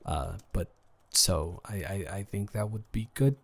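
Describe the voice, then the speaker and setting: A man's voice: lowish voice, a little slow. A man performing a romantic audio role-play as an anxious, shy new boy at school who stammers and restarts his sentences nervously.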